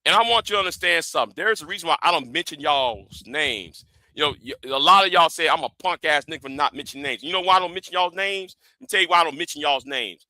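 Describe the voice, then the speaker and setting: A man hosting a livestream rant in a loud, sharp, combative voice, swearing and repeating words for emphasis. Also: on the high side, fast talker, no room sound. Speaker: livestream host.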